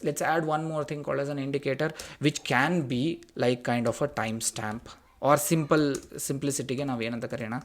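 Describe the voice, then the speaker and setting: A man with a Kannada Indian accent giving a casual technical tutorial, thinking aloud, mixing two languages and often checking in with short rhetorical questions. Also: mid-range voice. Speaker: programming instructor.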